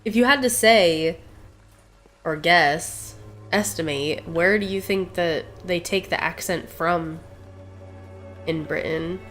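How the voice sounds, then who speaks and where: A woman streamer chatting through a game in a slow, unhurried way, giggling and asking her viewers questions. Faint game music sits behind her voice. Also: lowish voice, a bit bright. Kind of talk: gameplay commentary.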